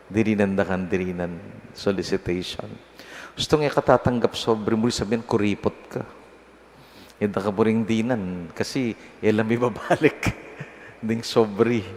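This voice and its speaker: A man's voice: lowish voice, darkish tone. A middle-aged male priest from the Philippines giving a homily at Mass in a conversational, teasing way, chuckling at his own examples. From Pampanga, Philippines. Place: large church. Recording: long church reverb, faint noise.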